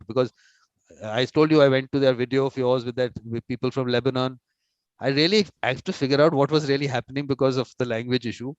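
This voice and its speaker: A man's voice: medium pitch, no room sound. Talkative man on a dull call. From India. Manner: talkative, repeats words while planning aloud. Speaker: host and mediator. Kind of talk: informal video-call conversation. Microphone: video call.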